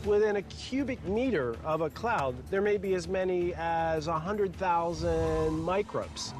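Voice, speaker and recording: A male scientist explaining things in a measured, precise way for a nature documentary. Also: high voice. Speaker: scientist expert. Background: music under the voice.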